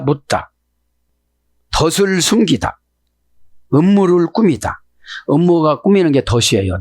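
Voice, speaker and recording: A male pastor preaches and explains the Hebrew text, his voice sitting somewhat high and swinging widely in pitch. He keeps checking on his listeners with short questions. The sound is close and dry, with no room around it. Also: dry recording. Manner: lively, keeps prodding the listeners with "eh?".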